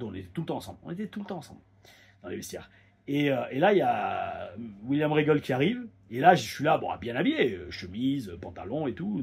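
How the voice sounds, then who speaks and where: A man and former pro wrestler, chatting casually in an animated storytelling way as he reviews a show, often repeating words as he goes. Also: medium pitch, gravelly, breathy edge. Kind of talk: casual anecdotal monologue.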